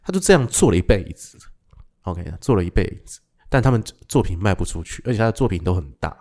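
A man, an actor, telling rambling, animated stories in a casual podcast chat. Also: low voice, fast. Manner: rambling, animated storytelling with fillers.

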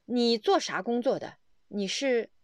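A woman's voice: on the high side, measured pace, darkish tone, no echo, voice pushed up, natural voice. A woman voicing a stern old father who fires blunt, demanding questions in a retold story. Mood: questioning.

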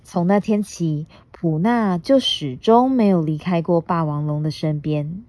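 A woman reading a picture book aloud as podcast host, gently asking a child questions along the way. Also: fairly low pitch, a little slow.

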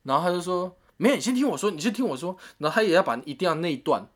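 A man's voice: sits high, very fast. A man, telling a story in a casual chat and acting out what people said. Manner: animated retelling with quoted voices and laughs.

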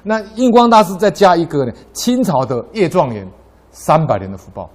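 A man's voice: on the high side, huge pitch swings, fairly quick. Man giving a Buddhist talk. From Taiwan. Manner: storytelling, voice rising sharply in anecdotes. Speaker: lay Buddhist speaker. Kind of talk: Buddhist dharma talk with anecdotes.

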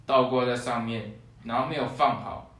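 A man's voice: mid-range voice, normal speed, fairly bright tone. A young man, co-hosting a podcast and telling childhood stories with frequent laughter. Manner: laughs often while telling anecdotes. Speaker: podcast co-host. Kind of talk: casual chat, storytelling. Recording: roomy echo, distant mic.

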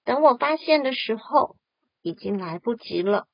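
A woman voicing a big elephant in a storybook, talking slow and apologetic. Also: a little high, lively intonation, vocal fry, dry recording, muffled recording. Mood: sheepish.

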